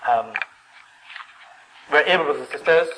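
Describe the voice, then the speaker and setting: A man preaching a sermon, reading scripture in a slow, drawn-out cadence and swinging between loud exclamations and hushed tones. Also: on the high side, slight background noise, low-quality recording.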